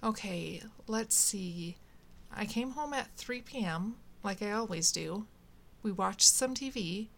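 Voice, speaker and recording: A woman voicing a calm, bewildered woman who answers gently in a read-aloud story. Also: mid-range voice, takes it slowly, gravelly, full character voice. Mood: puzzled, calm. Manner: mild, bewildered replies.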